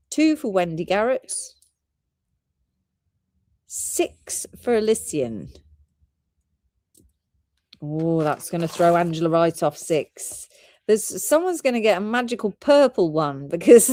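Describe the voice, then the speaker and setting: A woman's voice: medium pitch, darkish tone, no room sound. Chatty British woman selling pearls live. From Britain. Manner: chatty, giggly, rambling product talk. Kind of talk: live shopping stream.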